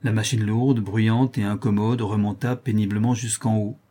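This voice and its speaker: A man reading a classic novel aloud in a measured, even way. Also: fairly low pitch. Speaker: narrator.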